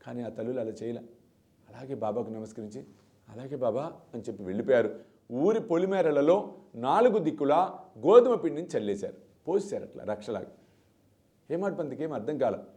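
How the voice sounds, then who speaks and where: Male spiritual teacher for a televised discourse, relaxed warm voice, storyteller who acts out the characters. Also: medium pitch, fairly quick. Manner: dramatic storytelling, acts out voices, emphatic repetition.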